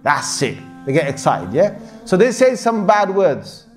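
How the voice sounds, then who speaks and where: A man delivers an informal sermon in a rather high voice. He talks earnestly, circles back on his points, and fills gaps with "you know". Soft music plays faintly underneath. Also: very animated, measured pace. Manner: earnest, repetitive exhortation with many fillers. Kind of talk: informal sermon to a young audience.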